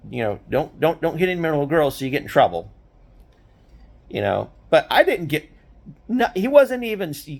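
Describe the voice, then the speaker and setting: Older man telling a rambling story. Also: a little high. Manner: rambling, lots of "you know" fillers. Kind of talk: casual storytelling.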